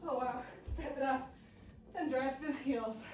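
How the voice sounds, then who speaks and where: A high-pitched woman coaches a workout while exercising alongside. She sounds winded and encouraging. The recording is roomy, and she sits back from the mic. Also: fairly even intonation, unhurried, darkish tone, recorded from a distance, soft background music. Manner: encouraging, breathless between exercises. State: out of breath. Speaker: fitness coach. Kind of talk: workout instruction.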